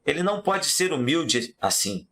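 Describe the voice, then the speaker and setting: A man voicing an impatient, proud king in a storytelling lesson, talking in an excited, demanding way. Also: a little high, moderate pace. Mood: commanding, amazed.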